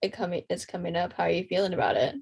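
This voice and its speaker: A woman's voice: lowish voice, rapid-fire, vocal fry, darkish tone, husky. A young adult woman chatting casually as a podcast co-host.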